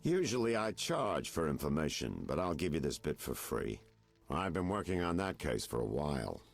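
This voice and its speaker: Game's noir private eye: weary, sly, gravelly, with hugely dramatic pitch swings. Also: male voice, big pitch swings, normal speed, soft background music, full character voice. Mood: guarded, knowing. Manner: noir detective delivery, theatrical and insinuating. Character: world-weary male private detective with noir flair. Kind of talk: video game dialogue acting.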